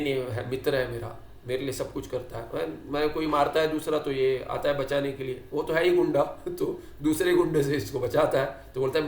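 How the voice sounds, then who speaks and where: A man teaching a scripture class, explaining with questions and little acted dialogues, and reciting Sanskrit lines slowly. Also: a little high, roomy sound. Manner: quotes Sanskrit text slowly. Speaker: Vedanta teacher.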